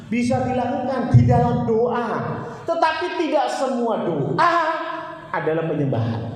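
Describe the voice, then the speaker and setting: Animated male pastor in an echoing hall. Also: very high voice, a little hiss or hum. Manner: animated preaching, acts out sample prayers, chuckles often. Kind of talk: sermon. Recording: echoey hall, voice far from mic.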